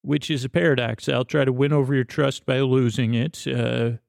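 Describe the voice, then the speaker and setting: A man with a creaky, gravelly voice drifts through a lulling bedtime ramble, pausing and correcting himself often. His pitch barely moves, and the recording is dry and close, with soft music underneath. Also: level tone, no echo. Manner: lulling, soothing, meandering, with pauses and self-corrections. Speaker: sleep podcast host.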